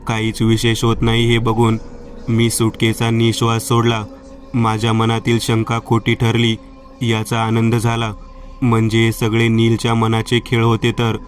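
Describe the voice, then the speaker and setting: Calm man telling a horror story. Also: medium pitch, measured pace, distant mic, faint music behind. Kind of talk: narrating a horror story, reading both friends' lines.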